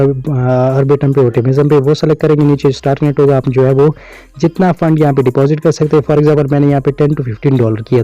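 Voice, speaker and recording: A man, hosting a screen-recorded crypto tutorial in a fast, instructive way. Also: medium pitch, warm tone, no echo. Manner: fast, instructive, repeats filler phrases. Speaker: crypto YouTuber. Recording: dull lo-fi audio with faint music.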